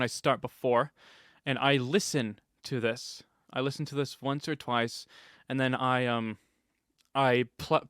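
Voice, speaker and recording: A man's voice: medium pitch, fairly bright tone, clear, resonant tone, no room sound, studio quality. A man giving a casual step-by-step tutorial on voice effects, explaining settings plainly with fillers and restarts.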